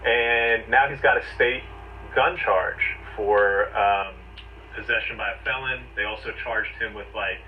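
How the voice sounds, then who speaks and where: A man's voice: fairly low pitch, a little slow. A man giving a conversational legal explainer, telling it step by step in emphatic short phrases. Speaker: legal commentator. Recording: distant, dull, noisy replayed audio.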